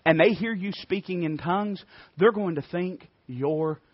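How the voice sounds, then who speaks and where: Speaking unhurriedly in a high-pitched voice, a man from Appalachia gives an impassioned, emphatic sermon in a homespun style, posing rhetorical questions. There's no room sound, and the audio is dull.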